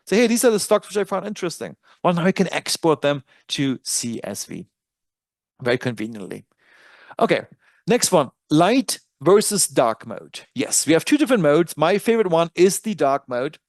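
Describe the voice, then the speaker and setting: A man with a fairly high-pitched voice and a German accent demos a trading dashboard in a webinar, recorded dry. He steps through the software's features in a casual tutorial, revising his words as he speaks.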